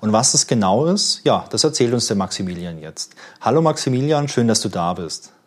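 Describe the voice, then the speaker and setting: A man's voice: fairly low pitch, animated, a little fast. A man hosting a casual interview, asking friendly, curious questions with a few fillers. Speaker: host.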